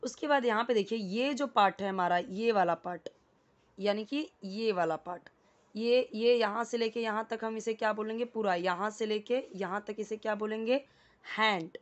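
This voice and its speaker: A woman's voice: mid-range voice, moderate pace. A woman teaching a casual lesson, patiently explaining and repeating words, often checking in with the listener. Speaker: English teacher.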